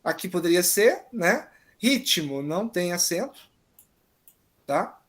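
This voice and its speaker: Patient teacher explaining grammar. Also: male voice, high voice, very animated, slow. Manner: patient, explanatory, keeps checking understanding. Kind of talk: online exam-prep grammar lesson.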